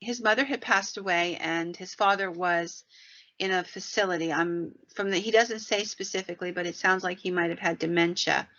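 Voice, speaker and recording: On a paranormal podcast, a woman host tells stories in a folksy, conversational manner full of rambling asides. Her voice is on the low side with a sharp tone at normal speed, and the recording sounds dull and lo-fi.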